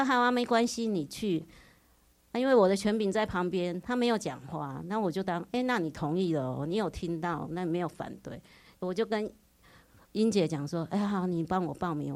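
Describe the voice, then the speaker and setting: A woman's voice: on the low side, a little mellow. A woman in her forties with a Taiwanese Mandarin accent, giving an earnest, emotional personal religious testimony at a retreat, full of interjections.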